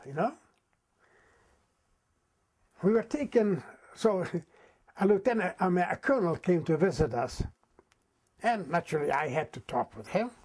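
A man in his eighties from Czechoslovakia, a non-native English speaker, telling his wartime memories in a vivid, unhurried way with dramatic pauses. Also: high voice, darkish tone. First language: not English. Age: 80s. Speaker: interviewee recounting wartime memories. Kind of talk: oral history storytelling.

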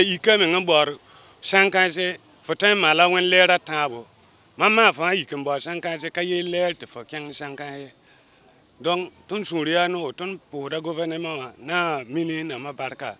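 A man's voice: fairly high pitch, pushed and bright. A man interviewed as a transporter, mixing a local language with French.

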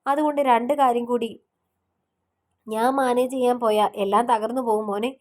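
A woman's voice: fairly high pitch, fairly even intonation, normal speed, a little mellow, natural voice. Chatty busy young man, read by a woman. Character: talkative young man, busy organizer friend.

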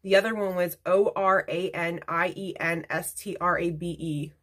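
Husky-voiced woman chatting through her makeup. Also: fairly low pitch, fairly even intonation, normal speed. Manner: chatty, rambling asides while doing makeup. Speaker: beauty vlogger. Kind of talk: casual get-ready-with-me chat. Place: at home.

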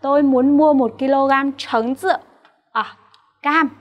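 A woman's voice: sits high, fairly even intonation, slow, dull audio. A young woman with a Vietnamese accent teaching a vocabulary lesson and asking students to check along. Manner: patient, asks rhetorical checks to students. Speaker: Chinese teacher.

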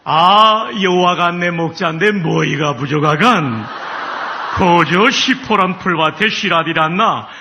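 Brief: a man playing an emphatic Pyongan-accented villager, drawling and loud. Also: a little high, background noise, voice pushed up. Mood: earnest. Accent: Pyongan dialect. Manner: slow, emphatic, questioning rustic delivery.

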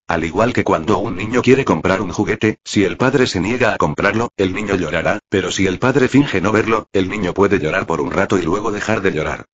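A man's voice: low-pitched, slightly rough. A man narrating a translated web novel, reading ellipses and spelled-out words literally, on a dull lo-fi recording.

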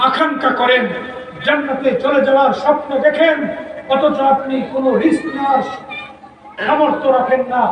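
A man's voice: very high voice, slight background noise. A man from Bangladesh preaching an impassioned sermon with rhetorical questions and chanted repetition, heard over a public address system at a large gathering. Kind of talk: fiery Bengali waz sermon. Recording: echoey distant PA, slightly dull.

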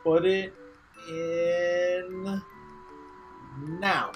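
A woman's voice: lowish voice, flat delivery, extremely slow, soft background music. A woman co-hosting a playful game playthrough, reading narration aloud and chatting with frequent laughter. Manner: laughs often, reads narration dramatically. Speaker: let's play co-host. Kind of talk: casual chat and reading game text aloud.

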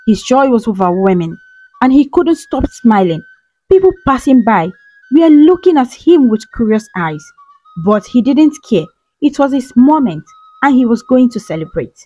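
Lively high-voiced woman storyteller. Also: normal speed, dry recording. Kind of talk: storybook narration. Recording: slightly dull recording with soft music.

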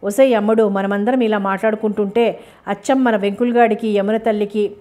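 A cheerful, doting old grandmother, read by a woman narrator in an audiobook. She teases affectionately at a middle pitch. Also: steady tone, a little fast, warm tone, close to an everyday voice.

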